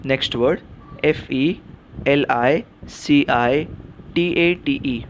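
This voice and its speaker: A man's voice: medium pitch, extremely slow, dull audio, a little hiss or hum. A man teaching English phonics in a mix of Hindi and English, spelling words letter by letter with patient explanations. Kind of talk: spoken phonics lesson.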